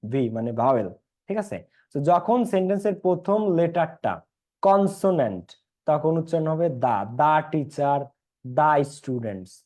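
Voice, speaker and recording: A man's voice: a little high, a little mellow. A young man with a Bangladeshi Bengali accent teaching an English class online, repeating points and quizzing his students.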